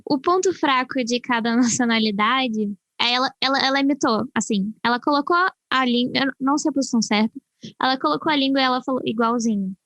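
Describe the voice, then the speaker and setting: A woman's voice: on the high side, fairly bright tone, no echo. A woman hosting a podcast, explaining things in casual chat. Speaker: podcast host.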